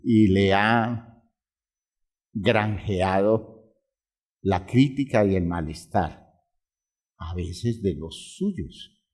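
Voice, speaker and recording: A man's voice: lowish voice, drawn-out words, pauses often, darkish tone. A man preaching a sermon as a pastor, drawing out phrases for emphasis and asking the congregation rhetorical questions.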